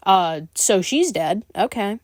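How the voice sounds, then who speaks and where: A woman's voice: medium pitch, takes it slowly, no room sound, clean studio sound. Swearing woman streamer playing a visual novel. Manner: swearing, loud excited outbursts. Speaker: gaming streamer. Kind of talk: let's-play commentary and reading. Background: loud game music.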